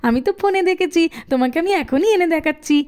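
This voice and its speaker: A woman's voice: high voice, lively intonation, fast, darkish tone. A woman voicing an insistent young village girl in a doll cartoon. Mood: wheedling. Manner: insistent, begging.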